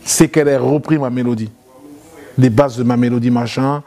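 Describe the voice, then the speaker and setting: A man, a guest in a casual interview, telling a story in an animated way. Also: moderate pace. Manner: animated, acts out quotes in a loud high voice.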